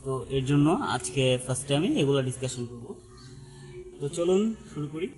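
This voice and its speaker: A man's voice: medium pitch, fairly quick, a little mellow, soft background music, low-quality recording. A man teaching an English pronunciation lesson, explaining step by step and often checking in with "right?". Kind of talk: spoken language lesson.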